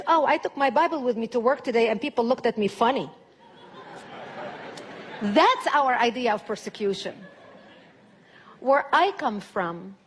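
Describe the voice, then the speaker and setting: Emphatic woman speaker. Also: on the high side. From Lebanon. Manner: emphatic, builds points in repeated lists. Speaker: guest speaker. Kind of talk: speech to a church congregation.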